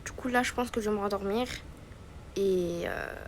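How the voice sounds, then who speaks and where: A woman's voice: mid-range voice, moderate pace, slight background noise, lightly acted. A woman playing a sick, weary young wife. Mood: tired. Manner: weak, tired, slightly nauseous voice. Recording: music playing behind.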